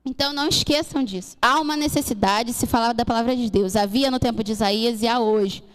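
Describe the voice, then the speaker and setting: A woman's voice: on the high side, quick pace, clear, resonant tone. A young woman giving an earnest testimony sermon in church, acting out dialogue as she tells the story. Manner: earnest storytelling, acts out dialogue, addresses congregation as "gente". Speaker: church speaker sharing mission testimony. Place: church hall. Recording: church hall with long reverb.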